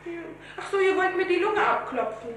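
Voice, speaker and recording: Brief: high-voiced woman, rambling and confused, on a crackly, low-quality old tape, distant and boomy. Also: lively intonation, brisk. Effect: poor-quality old archive recording. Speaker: psychiatric patient. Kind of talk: clinical interview. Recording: echoey, noisy 1950s tape with hum, from far off.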